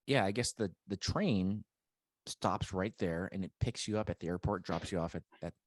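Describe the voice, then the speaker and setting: A laid-back podcast host, a man with a low, deep voice who trades teasing banter with his guest. The sound is dry and close, with no room around it. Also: normal speed, no room sound. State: married. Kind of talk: casual podcast chat.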